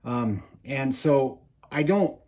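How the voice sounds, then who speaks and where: A man gives a casual trapping-tutorial style talk in a mellow, relaxed voice of ordinary male pitch. His words are slightly slurred, as with a mouthguard in, and his S sounds whistle a little. He speaks haltingly, pausing now and then to swallow. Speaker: trapping video presenter. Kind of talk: casual instructional vlog.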